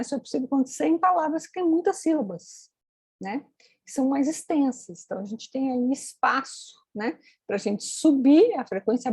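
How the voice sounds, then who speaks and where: A woman's voice: a little high, darkish tone, husky, no room sound. A woman teaching phonetics in a screen-recorded tutorial, explaining step by step and checking in with tag questions. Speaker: phonetics instructor.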